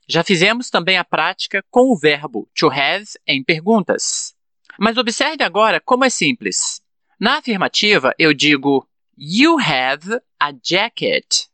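Slow, lively Brazilian teacher. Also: male voice, sits high, dry recording. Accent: Brazilian Portuguese. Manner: slow, deliberate drilling of example sentences. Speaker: podcast host and English teacher. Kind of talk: teaching English lesson.

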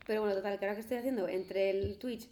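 A woman from hosting a casual chat, excited and slipping English phrases into her talk. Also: medium pitch, very fast.

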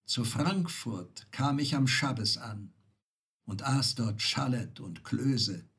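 A man voicing a weary, mocking knight back from his travels, recited slowly and dryly as poetry. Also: mid-range voice, animated, a bit bright, breathy edge, full character voice. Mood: wry. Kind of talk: poetry reading.

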